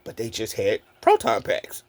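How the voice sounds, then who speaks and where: A man in his forties with a husky, slightly raspy voice tells stories casually to his viewers. His pitch swings up and down constantly as he talks. He laughs often and swears freely. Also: wildly swooping pitch, moderate pace. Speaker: content creator. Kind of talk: casual storytelling vlog.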